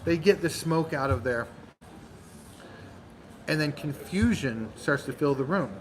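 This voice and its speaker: A man hosting a channel, telling a long joke in casual storytelling style, animated and full of dramatic pauses. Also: on the high side, a little hiss or hum, rough recording. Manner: animated, dramatic pauses, acts out crowd voices. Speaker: channel host.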